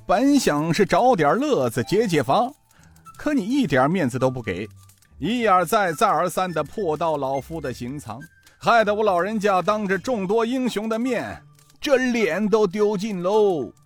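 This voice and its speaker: A man's voice: sits high, very animated, unhurried, soft background music, pitched above the performer's own voice, full character voice. A man voicing a comic old male master thief who grumbles and pleads in a wheedling whine. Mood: grumbling.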